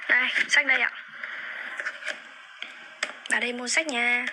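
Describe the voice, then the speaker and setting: Young woman, phone livestream host, chatty, slightly high voice, audible background noise. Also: steady tone, a little slow. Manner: chatty, repeats words while searching for them. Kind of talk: casual livestream chat.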